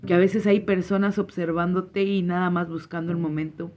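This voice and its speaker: A woman's voice: lowish voice, flat delivery, moderate pace, a little mellow. Earnest woman podcasting over guitar. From Chiapas, Mexico. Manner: earnest, grateful, reflective. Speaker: podcast host. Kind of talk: heartfelt podcast monologue and fable telling. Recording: slightly muffled, faint guitar music.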